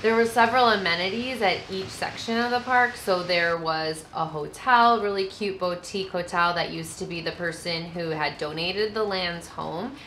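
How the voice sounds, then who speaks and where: A woman in her thirties chatting casually as a travel vlogger, seated outdoors beside a camper with a relaxed, friendly manner. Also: lowish voice, normal speed, few pauses, a little hiss or hum. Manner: relaxed, friendly, with easy laughs.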